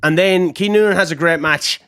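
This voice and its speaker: A man's voice: high voice, normal speed, fairly bright tone, clear, resonant tone. A man co-hosting a wrestling podcast, teasing and needling his co-host, and plugging the show. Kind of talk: casual banter.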